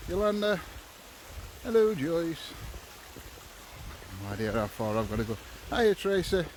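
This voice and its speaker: A man's voice: on the high side, sing-song, unhurried. A British man hosting a casual night-time live stream outdoors, chummily greeting viewers in an informal, repetitive way. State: tired from walking. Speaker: livestream host of night-time ghost hunt. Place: outdoors walking in woods at night. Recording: noisy outdoor night ambience.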